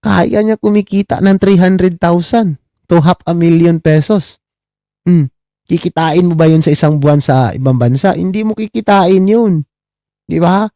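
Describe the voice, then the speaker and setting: A middle-aged man from the Philippines doing casual live-stream commentary, his voice high-pitched but dark and mellow in tone. He mocks his subjects, keeps asking "di ba?" and gives shout-outs to viewers. The sound is dry and close, with no room echo. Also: normal speed. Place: abroad, talking on a live stream.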